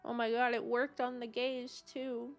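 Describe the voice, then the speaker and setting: A woman's voice: fairly high pitch, little pitch movement, measured pace, highs cut off, soft background music. Playful woman streamer reading aloud. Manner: reads narration aloud, playful asides. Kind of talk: casual game playthrough.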